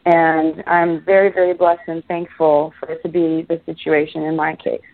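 A woman from Israel talks in a low-set voice over a tinny, phone-like line. She rambles casually as an interview guest, with many restarts and fillers. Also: flat delivery, moderate pace. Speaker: musician guest.

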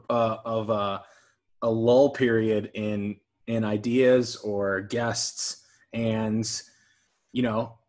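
A man co-hosting a casual wrestling podcast, rambling with restarts while he has the hiccups. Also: on the low side. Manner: rambling, self-interrupting. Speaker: podcast co-host.

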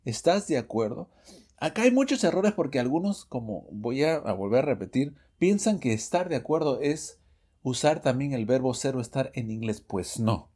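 Lively husky teacher explaining phrases. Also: male voice, medium pitch. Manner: lively, self-correcting, reads examples slowly. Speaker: English teacher. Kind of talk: Spanish-language English lesson podcast. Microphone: studio microphone, audio only.

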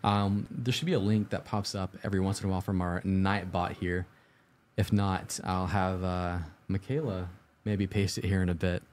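A man with a fairly low voice hosts a casual livestream. He delivers advice in an upbeat, orderly vlogger manner, talking informally and directly to his viewers and often putting questions to them. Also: level tone, moderate pace, a little mellow. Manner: informal, conversational, posing questions to the audience. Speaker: host of a live-streamed IT study show.

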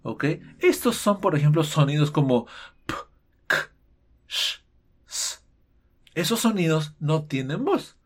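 Animated teacher. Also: male voice, fairly high pitch, normal speed. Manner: animated, playful, acts out students' objections. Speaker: English teacher. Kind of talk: online pronunciation lesson.

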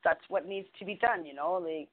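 A woman's voice: fairly low pitch, brisk. A woman co-hosting a radio show with casual banter. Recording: dull lo-fi line, faint noise.

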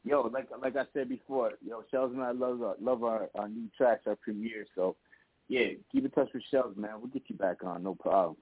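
Husky man co-hosting a group voice chat. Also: mid-range voice, moderate pace, dry recording. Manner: slangy, affirming, says "man" and "yo" often. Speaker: co-host of a music show. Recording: narrow-band, dry online voice chat.

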